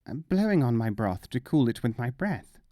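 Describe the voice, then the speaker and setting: A man's voice: mid-range voice, sing-song, normal speed, mellow, no room sound, studio quality, natural voice. A man voicing a cheerful, boastful wandering mullah in a storybook, chatty and breezily self-assured. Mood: matter-of-fact.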